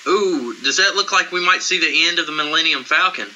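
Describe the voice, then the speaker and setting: Man, co-host, casual crude banter, very bright tone, faint background hiss. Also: fairly high pitch, a little fast, rough recording. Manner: joking, laughs often, crude humor. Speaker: podcast co-host.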